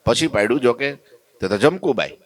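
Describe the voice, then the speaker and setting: A man preaching a devotional story sermon at a temple, narrating animatedly and acting out the characters' dialogue with big rises and drops in pitch. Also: expressive, brisk. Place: temple hall.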